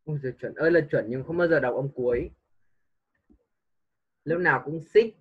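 A man's voice: a little high, normal speed, slightly rough, narrow, tinny audio. A tired man tutoring English over a video call, repeating words and correcting pronunciation with teasing remarks. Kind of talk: online one-on-one lesson.

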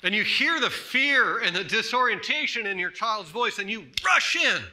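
Impassioned man preaching with bright tone. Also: high-pitched, animated, normal speed. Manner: swings from soft hushed tones to loud emphatic bursts. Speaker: pastor. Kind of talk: sermon. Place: church sanctuary.

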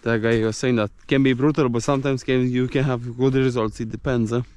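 A man's voice: mid-range voice, steady tone, fairly quick, darkish tone, clean tone. A man chatting casually as an angler vlogger, often tagging his phrases with a questioning huh or yeah, recorded on an open shore. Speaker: angler vlogger hosting a fishing trip. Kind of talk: casual outdoor chat. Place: outdoors on an open reservoir shore. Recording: faint outdoor ambient noise.

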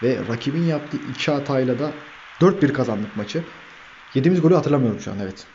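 A man hosting a gaming channel, giving lively commentary over his own football video game match, shouting player names and cursing at his players. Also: medium pitch, fast talker, highs cut off, a little hiss or hum.

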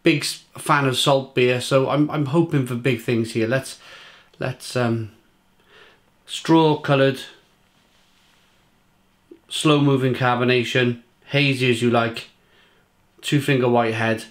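A British man talks casually to camera as he reviews a beer. He rambles, restarts his sentences and piles up flavour notes with plain enthusiasm. His voice sits at an ordinary middle pitch for a man. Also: steady tone, takes it slowly, long pauses. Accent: British English. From England.

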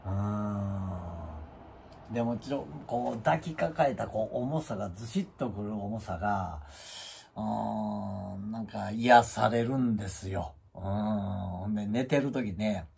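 A man's voice: fairly low pitch, measured pace, vocal fry, a little hiss or hum. A man with a Kansai accent hosting his own channel, chatting casually and acting out the quoted lines in his stories. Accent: Kansai Japanese. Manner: animated storyteller who acts out quoted lines. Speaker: channel host. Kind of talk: casual monologue about his pets.

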